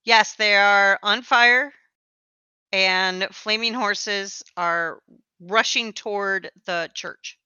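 A woman's voice: mid-range voice, very slow, sharp tone, clean tone, dry recording, muffled recording. A woman speaking as game master, casually narrating a tabletop game.

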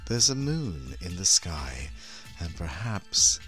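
A man playing a glamorous, sultry horror-movie hostess in a campy femme fatale manner, with teasing, drawn-out delivery. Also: sits low, big pitch swings, pushed and bright, soft background music, voice pushed down, exaggerated voice. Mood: sultry, theatrical. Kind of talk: theatrical show introduction.

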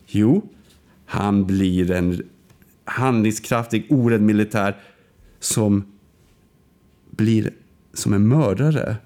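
Warm in tone and pausing often, a man chats casually while recounting a film story. He performs the quoted lines with wide pitch swings, though he keeps hesitating, restarting and reaching for fillers.

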